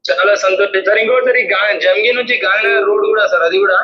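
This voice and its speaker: A high-voiced man with a Telangana Telugu accent rings in to complain about a local issue, speaking fast with fairly even intonation. He petitions deferentially, often saying sir, over a dull phone line with echo and noise.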